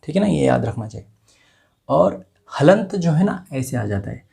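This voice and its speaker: A man teaching a script lesson, saying each letter slowly and carefully and repeating sounds one by one. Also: on the high side, big pitch swings, vocal fry, mellow.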